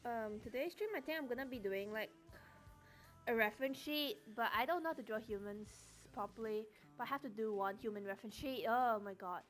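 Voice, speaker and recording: Young woman streamer, fairly high voice, playful and teasing, casual chat over music. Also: a little fast. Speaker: art livestreamer. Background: background music.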